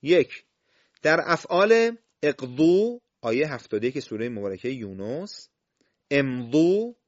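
A man teaching the rules of Quran recitation, explaining step by step, quizzing his listeners and reading example words slowly. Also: mid-range voice, sing-song. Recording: slightly dull lo-fi recording.

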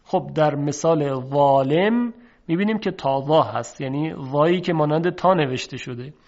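A man teaching how to pronounce Arabic letters, speaking slowly and deliberately and repeating each sound for the listener to practice. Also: on the high side, a little mellow. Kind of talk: recorded pronunciation lesson. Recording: dull lo-fi recording.

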